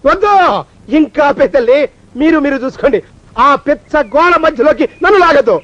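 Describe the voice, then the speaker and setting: Huffy offended servant guy, slow, dry muffled movie audio. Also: very high voice, expressive, a bit bright, no room sound. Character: indignant male household servant. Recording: dry, dull lo-fi film soundtrack.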